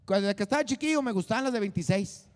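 Fast and animated, a man in his 40s with a high voice rattles off a crude, filler-heavy comedy monologue, a long reverb tail trailing his words. He hosts the show with rowdy humor, holding a mic at a desk on a small studio set with drums behind him.

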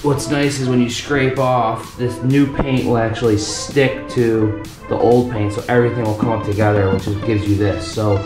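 A man's voice: mid-range voice, steady tone, normal speed. A young man hosting a do-it-yourself video, explaining his repair job casually to viewers he calls guys, filmed on an action camera. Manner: chatty, addresses viewers as guys. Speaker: DIY video host. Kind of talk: casual how-to narration. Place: outdoors by a truck, then inside a metal walk-in cooler. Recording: roomy sound with music behind.

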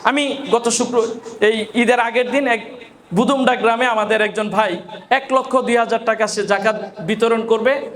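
A man with a very high voice gives a motivational speech to students at a farewell event. He speaks as an Islamic scholar and keeps asking his listeners rhetorical questions to draw them in. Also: normal speed, a bit bright. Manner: asks the audience rhetorical questions.

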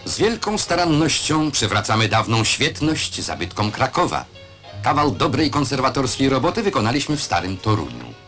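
A man delivers old-newsreel narration at a moderate pace, proud and declamatory, with big pitch swings across each sentence. He adds rhetorical questions in the traditional voice-over way, while music plays beneath the archival audio throughout.

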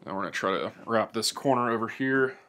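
With a lowish, sharp-toned voice and a fairly quick delivery, a motorcycle repair man narrates a plastic welding repair step by step. He keeps it easygoing and plainspoken, talking as he works in an indoor shop.

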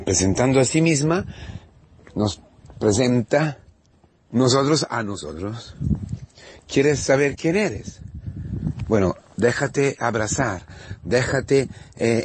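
A man's voice: medium pitch, slight background noise. A man whose first language is Italian, preaching a sermon in short, fervent phrases and acting out quoted dialogue with rhetorical questions. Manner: fervent, pausing in short phrases with frequent 'eh' fillers. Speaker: priest.

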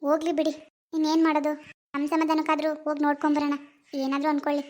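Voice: high voice, completely flat delivery, rapid-fire, lightly acted. A voice actor doing an earnest young daughter-in-law. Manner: eager and earnest.

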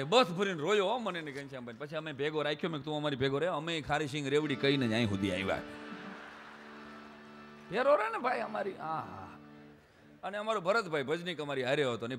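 A man's voice: a little high, a bit bright. A man doing comic storytelling on stage, chatting straight to the audience and mimicking voices. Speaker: stage comedian at a folk show. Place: stage before a live audience. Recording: reverberant hall sound.

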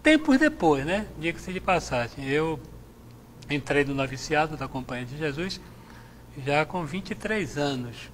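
A middle-aged man, a Jesuit priest from Salvador, answering interview questions in a measured, reflective way on a lapel mic in a TV studio. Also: fairly high pitch, sing-song, a bit bright, a little hiss or hum. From Salvador, Bahia, Brazil. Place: TV studio with chapel set.

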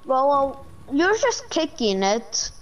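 A woman's voice: very animated, takes it slowly, dull audio, slight background noise. A woman chatting playfully and teasing her teammate while playing an online game. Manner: playful, teasing, jumpy pitch. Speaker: gamer. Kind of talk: casual gameplay chat.

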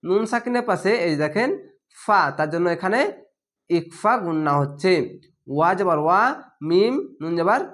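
High-voiced man teaching recitation. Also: fairly bright tone. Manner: slow, drawn-out chanted syllables between plain explanations. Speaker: Quran reading teacher. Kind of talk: spelling-out recitation lesson.

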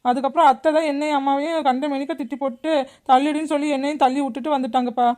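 A woman's voice: sits high, steady tone, rapid-fire, darkish tone, natural voice. A woman voicing a young schoolgirl granddaughter who earnestly explains what happened. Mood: explaining.

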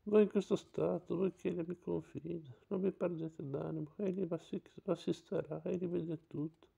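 A man's voice: sits high, steady tone, normal speed, vocal fry, mellow, husky, lo-fi sound, full character voice. A man reading aloud voices a compassionate elderly friar, speaking in a solemn, consoling way. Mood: earnest. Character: compassionate elderly male friar, gentle but indignant.

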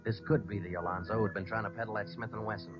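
In an old-time radio crime drama, an American man voices a terse, businesslike police sergeant who both narrates his case and questions people. His delivery is clipped, deadpan and matter-of-fact, on the low side, quick, and close to an everyday voice. The vintage recording is muffled, with music.

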